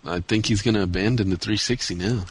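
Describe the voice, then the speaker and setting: Husky low-voiced podcast host. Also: male voice, fast. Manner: relaxed, bantering. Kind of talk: casual chat.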